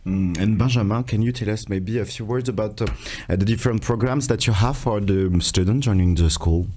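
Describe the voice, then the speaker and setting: Hesitant male host with a low voice. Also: brisk, warm tone. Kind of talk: live online interview.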